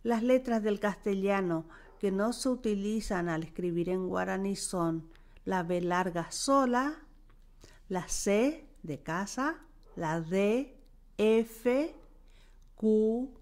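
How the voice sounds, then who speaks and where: A woman teaching a language lesson, dictating words and sounds one by one with careful pauses. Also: medium pitch, expressive, darkish tone. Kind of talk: slow, deliberate language lesson.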